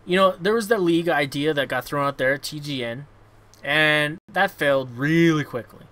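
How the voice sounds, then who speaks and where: Man, gaming podcast host, raised pitch, sharp bright tone, casual, sweary, blunt, halting repetitions. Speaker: show host.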